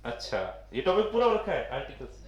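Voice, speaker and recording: A man teaching a class in a classroom with a lot of echo. His voice sits a bit high for a man. He keeps asking the students questions and then answers them himself. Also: big pitch swings, brisk, lo-fi sound. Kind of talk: classroom lecture.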